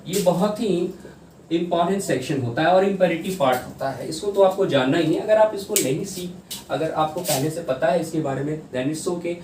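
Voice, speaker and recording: A man with a fairly high voice teaches an English exam-prep class, walking through grammar topics step by step and breaking words into syllables aloud. He is heard from some distance in a reverberant room, with a faint hiss underneath. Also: a little mellow. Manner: explains step by step, spells out sounds syllable by syllable. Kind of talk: Hindi-English mixed exam-prep lecture. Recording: roomy echo, distant mic, faint hiss.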